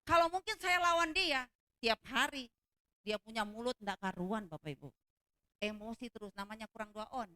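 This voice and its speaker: Bright, loud-talking woman pastor. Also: fairly high pitch, moderate pace, dry recording. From outside Java. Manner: loud, animated storytelling with frequent "hallelujah". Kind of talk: sermon.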